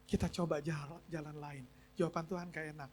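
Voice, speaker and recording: A man's voice: on the high side, steady tone, brisk, slight background noise. A man preaching a sermon as pastor, telling a story and mixing English phrases into his talk. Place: church service.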